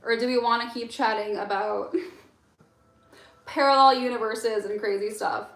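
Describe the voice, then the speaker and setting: A woman's voice: fairly high pitch, measured pace. Young woman, livestream host, casual chatter, roomy echo. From Egypt. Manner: relaxed, chatty, answers chat questions with many fillers. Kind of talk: casual late-night chat with viewers. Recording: roomy echo with faint music.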